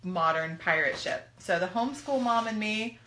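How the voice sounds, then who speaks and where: A woman's voice: medium pitch, expressive, sharp tone, slight background noise. Chatty woman in an echoey room. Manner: chatty, quick to laugh. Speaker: co-host of a live stream. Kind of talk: casual chat.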